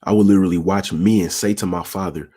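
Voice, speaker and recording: A young man with a very deep, gravelly, husky voice, low, raspy and flat in a steady monotone, hosts a channel offering dating advice in reply to viewer questions. He speaks fairly quickly in an easygoing, conversational way, talks with his hands, and keeps checking in with "you feel me."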